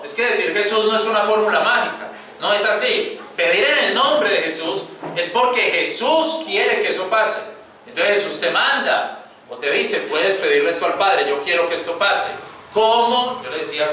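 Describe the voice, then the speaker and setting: Bright-voiced man preaching in echoey church. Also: sits high, a little hiss or hum. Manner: chatty storytelling with frequent fillers and rhetorical "¿cierto?". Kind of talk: conversational sermon. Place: church hall. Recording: echoey church hall from far off.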